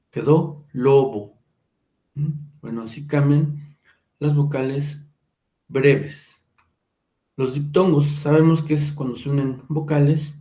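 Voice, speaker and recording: Male lecturer, slow and mellow, fairly high-pitched for a man, recorded in an echoey room, checks in with listeners as he goes. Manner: drawn-out, careful enunciation of example words. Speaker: teacher.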